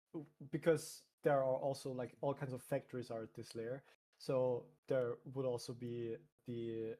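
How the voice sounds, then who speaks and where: A man hosting a modded game session, explaining the game world in a halting, casual way. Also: mid-range voice, dark tone. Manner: halting, many fillers, laughs easily. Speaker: game host and guide.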